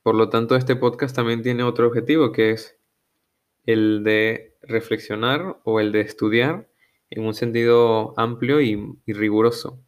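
A young man from Venezuela, about to turn twenty, hosting his own podcast in a slow, hesitant solo monologue, often restarting as he searches for words. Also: mid-range voice, steady tone. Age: young adult. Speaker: podcast host.

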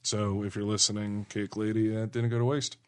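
A man's voice: on the low side, level tone, brisk, smooth. A man co-hosting a podcast, telling stories in rambling casual chat and laughing often. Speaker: podcast co-host.

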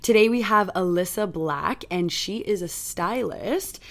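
A woman's voice: medium pitch, unhurried. A woman hosting an interview podcast, upbeat and friendly, asking questions with plenty of "um" and "like". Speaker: podcast host. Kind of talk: casual interview.

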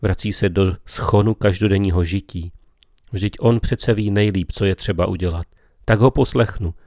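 A man gives a slow, meditative spiritual talk as a preacher. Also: low voice, steady tone, a little mellow, dry recording, studio quality.

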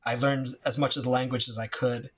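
In slightly dull lo-fi audio, an American male guest discusses politics casually, rambling with frequent fillers and false starts. His mid-range voice is level and fairly bright in tone, and he talks briskly.

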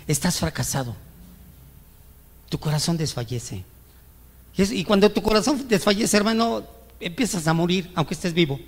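A male pastor preaching a sermon, firing rhetorical questions at the congregation and acting out whiny complaints to God. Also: high-pitched. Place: church. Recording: reverberant church hall.

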